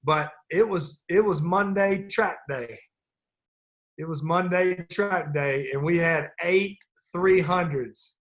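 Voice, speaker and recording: A middle-aged man talks through old memories over a video call, his voice sitting a little high for a man. He wanders, restarts sentences and keeps chuckling as he goes. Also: slow pace. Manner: rambling, many restarts, chuckles often. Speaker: former player on a team reunion call. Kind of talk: casual reminiscing.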